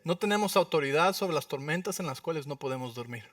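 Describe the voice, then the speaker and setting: A male pastor preaching a sermon, acting out prayers and dialogue with sudden loud outbursts and often asking the congregation questions. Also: a little high, animated, quick pace, no room sound, far from the mic. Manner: asks the congregation for agreement with frequent rhetorical questions. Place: church.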